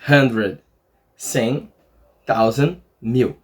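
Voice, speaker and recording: A man's voice: mid-range voice, extremely slow. A man with a Brazilian accent teaching a casual lesson, chatty, checking in often with his listeners. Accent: Brazilian Portuguese. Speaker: English teacher.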